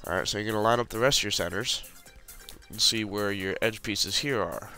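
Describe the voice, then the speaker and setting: Over a screen recording with faint music in the background, a man casually explains a puzzle tutorial, clicking as he walks through each step. His voice sits fairly low, moves a little fast and has a sharp tone. The flu has left him congested and sniffling.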